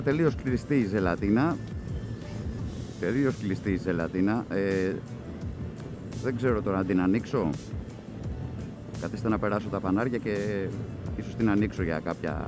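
Greek man, lowish voice, motovlogging from a helmet mic, rambling chatter with music underneath. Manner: rambling, self-mocking, full of fillers. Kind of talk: casual chat while riding. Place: riding a motorcycle at night on city streets. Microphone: external recorder mic inside a helmet.

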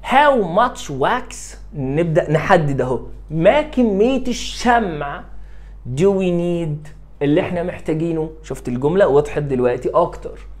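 A man with an Egyptian accent explaining an English lesson to children, drilling each word by slow repetition and cheering his pupils on. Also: fairly high pitch, expressive. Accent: Egyptian Arabic. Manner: drills words by repeating them slowly and encouraging pupils. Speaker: English teacher.

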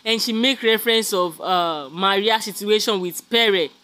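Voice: mid-range voice, unhurried, bright, forceful tone. A host giving a chatty, casual gossip recap of a reality show, talking straight to the viewers. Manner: chatty, calls viewers "guys", many fillers.

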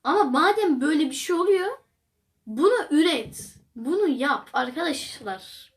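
Chatty high-voiced young woman vlogger. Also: expressive, unhurried. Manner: chatty, rambling, exclamatory, addresses viewers as friends. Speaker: video host reacting to clips. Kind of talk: casual reaction commentary.

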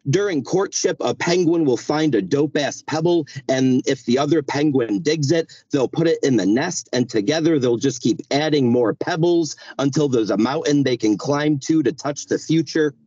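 A man's voice: fairly high pitch, normal speed, few pauses, darkish tone, breathy edge, no room sound, highs cut off. A man speaking over a group voice chat from inside his car. He talks loosely with many fillers, then reads his poem aloud. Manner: loose and chatty, many likes and uhs. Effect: heard over a group voice chat. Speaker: poet reading his work.

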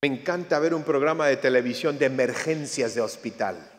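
A man giving a lively church talk, a jokey storyteller who acts out other people's lines. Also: mid-range voice, fairly quick. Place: church hall. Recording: reverberant hall.

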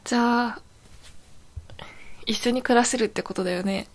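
A woman's voice: fairly high pitch, fairly even intonation, moderate pace, close to an everyday voice. A woman playing a young, possessive yandere girlfriend in an intimate role-play audio drama, sounding sweet, clingy and eerily obsessive.

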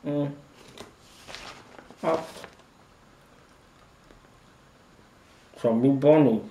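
A man's voice: fairly high pitch, slow, warm tone, a little hiss or hum. A young man talking to camera in a casual challenge video with his mouth stuffed full, speech muffled and chewy. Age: young adult. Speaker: challenge vlogger. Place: bedroom, indoors. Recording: echoey small room.

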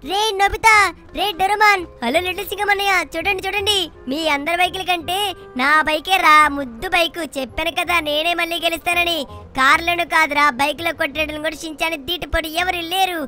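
A woman voicing a cheeky, mischievous little boy who shouts and brags while playing a video game. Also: very high-pitched, fast, soft background music. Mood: gloating. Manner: shouty, bragging, teasing. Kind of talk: GTA game play-along voicing.

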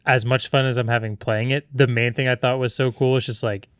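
A man's voice: mid-range voice, flat delivery, fairly quick, smooth, no room sound, clean studio sound. A man co-hosting a tech podcast in casual chat, rambling with lots of fillers. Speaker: podcast co-host.

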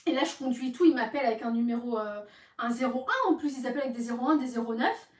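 A young woman telling her followers about phone calls in a casual, animated way, acting out the other side of each call. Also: fairly high pitch, fast talker. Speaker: live streamer talking to her followers. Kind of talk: casual storytelling to viewers. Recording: echoey room, voice from some distance.

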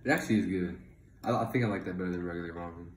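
A man's voice: sits low, very fast. A young man chatting casually, off camera in a room at home. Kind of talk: casual chat. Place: home dining area, off camera. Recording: echoey room, faint kitchen noise.

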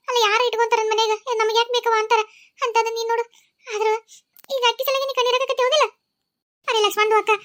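A woman voicing a kind-hearted older woman who weeps over a girl's fate, with a North Karnataka Kannada accent. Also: extremely high pitch. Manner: weeping, lamenting. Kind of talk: cartoon voice acting.

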